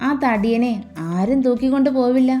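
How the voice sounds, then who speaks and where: A fond, teasing father speaking to his grown daughter, as a woman storyteller puts him on. The voice stays mellow and a touch high, over faint music. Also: steady tone, normal speed, natural voice. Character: gently teasing middle-aged father.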